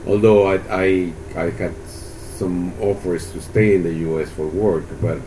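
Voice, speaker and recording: A man in his sixties from Peru, a Spanish speaker answering oral history questions about his life in a halting way with many restarts. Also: deep voice, low-quality recording. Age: 60s. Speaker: interviewee, university economist. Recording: steady background hiss.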